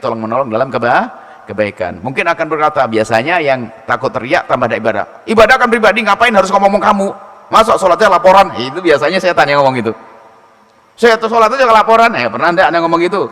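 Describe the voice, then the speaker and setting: A man preaching a sermon in a lively, teasing manner, acting out husbands and wives in his answer. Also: fairly high pitch, long reverb tail.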